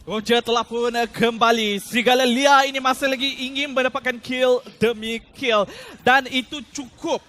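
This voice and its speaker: A man's voice: very high-pitched, steady tone, normal speed, few pauses, bright, forceful tone. A Malaysian man giving articulate strategic commentary on a live esports match, phrased fairly formally with rhetorical questions. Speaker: esports analyst caster.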